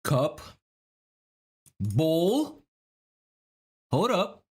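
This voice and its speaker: A man's voice: a little high, huge pitch swings, extremely slow, slightly rough. A young man streaming, casually thinking aloud through a word puzzle, muttering guesses, swearing now and then and asking his chat whether he's right.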